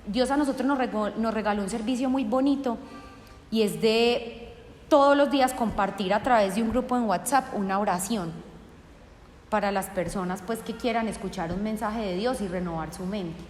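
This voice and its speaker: A woman's voice: medium pitch, moderate pace, darkish tone, a little hiss or hum. A woman sharing a personal faith testimony with an audience, earnest and acting out remembered conversations. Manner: earnest, acts out remembered dialogue. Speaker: speaker giving a testimony. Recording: echoey hall with long reverb.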